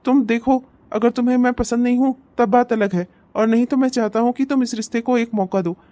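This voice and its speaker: A woman's voice: on the high side, steady tone, brisk, warm tone, no room sound, lightly acted. A woman voicing a young husband in a cartoon, firm and reasoning in the way he talks. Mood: calm. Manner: stern, then reasoning. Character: young husband, bossy at first, then calm.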